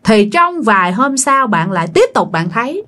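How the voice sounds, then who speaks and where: Lively Southern Vietnamese woman telling ghost stories. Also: on the high side, moderate pace. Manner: dramatic, addresses listeners directly. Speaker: storyteller. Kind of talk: ghost story narration.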